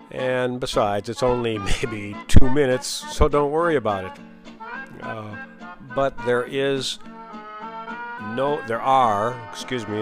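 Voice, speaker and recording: A man hosting a podcast, narrating in simple, deliberate, jokey phrases for language learners. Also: mid-range voice. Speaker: podcast host.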